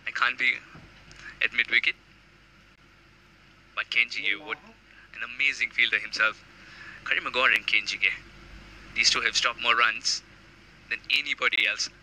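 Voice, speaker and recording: Bright-toned male cricket analyst. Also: mid-range voice, steady tone, moderate pace, long pauses, slight background noise, low-quality recording. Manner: analytical, explains tactics. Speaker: cricket co-commentator.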